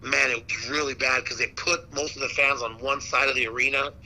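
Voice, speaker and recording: A man's voice: mid-range voice, steady tone, brisk, pushed and bright, rough recording. A man who works as a boxing ring announcer, talking casually and emphatically as an interview guest, with slangy asides.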